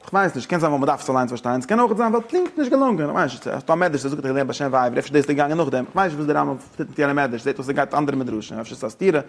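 A man teaching a Torah lesson, talking excitedly with stumbling restarts and English words mixed in. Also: medium pitch, rapid-fire, hardly any pauses. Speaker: religious teacher.

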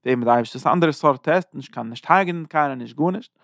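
A man giving an informal Torah lesson, speaking emphatically and jumping up in pitch on key points. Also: quick pace, creaky, a bit bright, dry recording, studio quality. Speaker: Torah teacher.

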